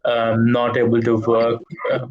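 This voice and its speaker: A man from India, a software engineer, chatting on a video call in a hesitant, rambling way. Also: mid-range voice, monotone, a little slow. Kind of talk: casual chat on video call. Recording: dull lo-fi call audio with faint noise.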